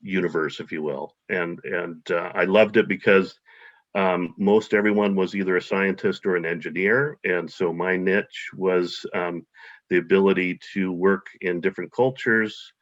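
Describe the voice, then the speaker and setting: In a casual interview, a guest from the United States talks at a normal pace in a low, fairly bright voice with a steady tone. He is hesitant, full of fillers and restarts. The recording sounds dull and lo-fi.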